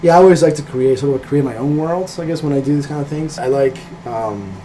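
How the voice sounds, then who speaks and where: Interviewed about his own life, a middle-aged illustrator from Peru, later of California, thinks aloud in a casual, hesitant way. He talks fast in a medium-pitched, warm voice, and the rough recording carries a little hiss or hum.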